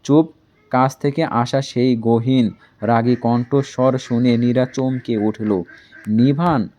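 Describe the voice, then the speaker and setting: A man narrating a dramatic romance story in an even, measured storytelling manner. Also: medium pitch.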